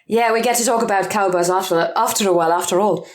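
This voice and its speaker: A young woman co-hosting a podcast in casual chat, excitable and jokey, recorded in an echoey room. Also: mid-range voice, fast talker. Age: young adult. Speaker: podcast co-host. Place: echoey room in a newly moved-into home.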